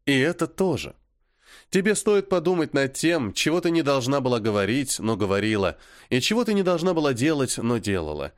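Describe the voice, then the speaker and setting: Cool, scolding older sister, voiced by a man, dry and steady. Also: mid-range voice, brisk, dry recording, close to an everyday voice. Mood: stern. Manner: cool, lecturing, sharp.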